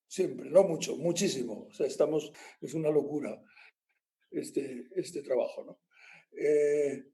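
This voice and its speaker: A man lecturing his class in a relaxed, digressive manner. His voice sits a little high for a man yet sounds mellow and soft-edged. He winds through his points with fillers and keeps checking in with a quick tag question. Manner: rambling, ends phrases with a tag question, many fillers. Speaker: university lecturer.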